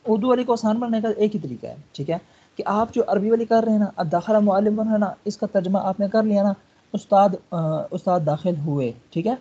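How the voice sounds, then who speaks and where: A man tutoring a student online, patiently walking through each step and checking in again and again. His voice is mellow and a little husky, and the lesson audio sounds dull and lo-fi. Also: high-pitched. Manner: coaxing, repeats words and checks understanding. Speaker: online Arabic teacher.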